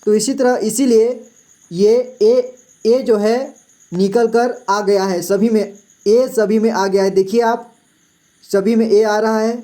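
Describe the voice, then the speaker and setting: Slow, patient male teacher. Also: high voice, steady tone, mellow. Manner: patient, repeats "theek hai" often. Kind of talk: slow classroom explanation.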